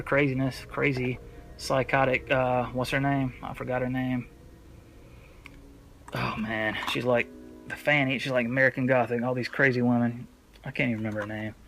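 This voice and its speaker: Male horror-collector vlogger, mid-range voice, loose jokey delivery full of slang and swearing, clear background noise. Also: medium pitch. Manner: slangy, heavy cursing, jokey. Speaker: horror film collector presenting a video. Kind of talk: casual rambling movie review.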